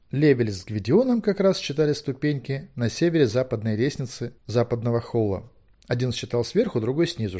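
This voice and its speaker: A man narrating an audiobook in a measured, expressive storytelling manner. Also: medium pitch.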